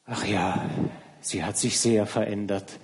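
A man reading a novel aloud, voicing a tired, grieving young woman who speaks quietly and subdued. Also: on the low side, steady tone, measured pace. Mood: hushed.

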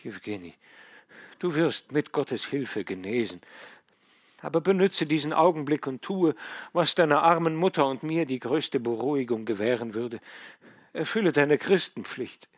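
A man voicing an old, devout father who stammers and pleads in anguish, his voice pitched high and husky. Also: animated, moderate pace, no room sound, clean studio sound. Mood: pleading.

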